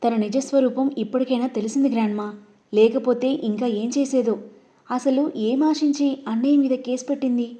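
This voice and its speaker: A man's voice: extremely high pitch, fairly even intonation, a little fast, warm tone. A woman voicing a thoughtful young grandson who speaks in a reflective way. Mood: pensive.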